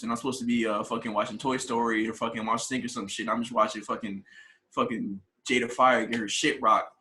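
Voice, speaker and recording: A young man talks fast in a casual podcast chat, blunt and slangy and swearing freely. His voice is bright and forceful, at a middle pitch. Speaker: podcast co-host.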